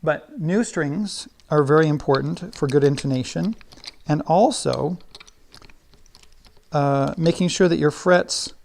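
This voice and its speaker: A middle-aged man teaching guitar in a relaxed, chatty way, thinking aloud as he works. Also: on the high side, takes it slowly, gravelly, a little hiss or hum. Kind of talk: casual how-to lesson while working.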